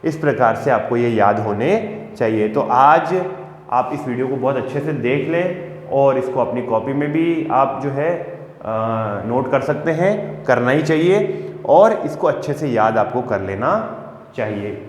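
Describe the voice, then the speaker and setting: A man teaching a grammar lesson for a school video, reciting word forms slowly and patiently. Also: mid-range voice, expressive. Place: classroom. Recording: echoey room with long reverb.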